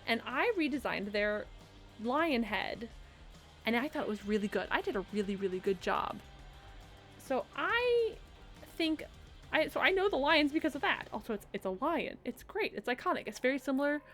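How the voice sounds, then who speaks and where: Lively high-voiced woman streamer. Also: soft background music. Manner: opinionated, laughs often, quick asides. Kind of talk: casual live-stream chat while ranking logos.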